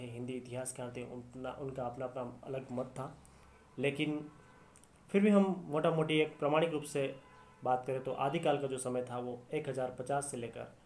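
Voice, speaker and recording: A man's voice: mid-range voice, fairly even intonation, moderate pace, a little mellow, slight background noise. A man teaching Hindi literature in a lecture, explaining step by step and repeating key phrases. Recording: echoey room.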